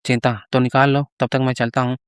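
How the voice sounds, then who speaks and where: A man's voice: medium pitch, level tone, a little fast, clear, resonant tone, no room sound, clean studio sound, lightly acted. A man voicing sulky gluttonous priest Chintamani. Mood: smug. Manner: sulky, boastful.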